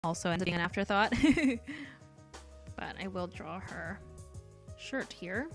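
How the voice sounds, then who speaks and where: A young woman from Canada hosting an art livestream, chatting casually and reading viewer comments in a soft voice, with many ums and light laughs. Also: on the low side, lively intonation, a little slow, soft background music.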